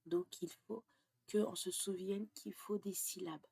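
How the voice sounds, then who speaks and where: A woman teaching French pronunciation, explaining slowly and dropping to a half-whisper as she writes things down. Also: mid-range voice, fairly even intonation, gravelly, dark tone, husky, no room sound. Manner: slow and deliberate, often drops to a half-whisper while writing. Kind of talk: slow explanatory lesson while writing on a board.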